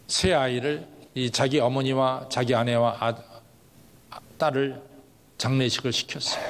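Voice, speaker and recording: A male pastor preaching a sermon, telling a story with emotion in short, dramatic phrases. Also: medium pitch. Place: large church event hall. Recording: long hall reverb at a church gathering.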